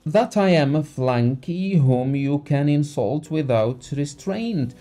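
A man voicing an indignant country doctor who shouts back in anger in an audiobook. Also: fairly high pitch, lively intonation, slow, pitched above the performer's own voice. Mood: furious. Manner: angry, clipped, rapping out words.

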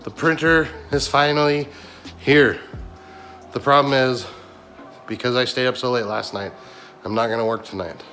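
A man in his thirties who owns a print shop and vlogs walks through it, excitedly explaining a new machine to his viewers in a casual walkthrough. His mid-range voice moves at a normal speed, echoing off the concrete floor of the large room while background music plays over the recording.

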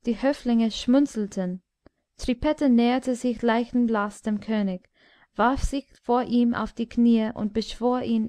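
A woman reading a classic story aloud as an audiobook narrator, measured and solemn. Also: fairly high pitch, dark tone, no room sound. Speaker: audiobook reader. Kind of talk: scripted literary narration.

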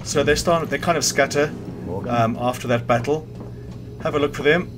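A gamer hosts a video game guide, giving loose walkthrough commentary as he thinks aloud and corrects himself. His voice is a little high at a normal speed, with game music and sounds in the background.

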